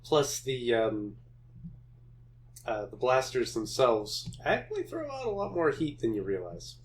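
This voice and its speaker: Man, speedrunner, casual chat, unhurried, mid-pitched, narrates his game moves. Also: sing-song, rough recording. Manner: calls out game progress between chatty asides. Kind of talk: casual chat while playing.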